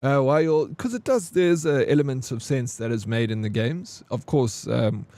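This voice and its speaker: A man's voice: mid-range voice, moderate pace, warm tone, no echo. A man in his forties chatting casually with his live-stream chat, joking and answering comments. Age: 40s. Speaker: game streamer.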